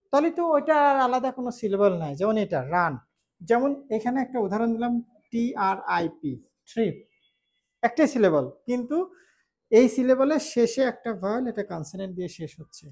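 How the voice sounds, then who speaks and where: A woman from Bangladesh teaching an English spelling rule, explaining slowly, repeating key points and checking that students follow. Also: a little high, animated, a little mellow. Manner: slow, repetitive explaining with check-in questions. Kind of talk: classroom spelling lesson.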